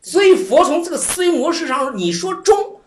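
Animated scripture teacher, roomy. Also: high voice, normal speed. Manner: animated, repeats phrases, frequent chuckles. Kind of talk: explanatory lecture. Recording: roomy echo.

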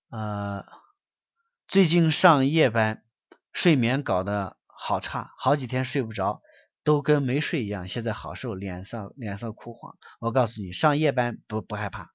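A man lectures in a preachy, scolding way, firing off rhetorical questions and often letting his phrases fade away quietly. His voice sits in a middle range. The recording is dull and lo-fi, with a dry, close sound. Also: medium pitch, expressive, moderate pace, no room sound. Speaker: online lecture teacher answering questions. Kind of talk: lecturing and answering listener questions.

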